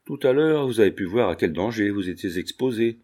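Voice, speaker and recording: A man's voice: on the low side, animated, a little fast, darkish tone. A man playing an earnest young painter. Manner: firm, earnest.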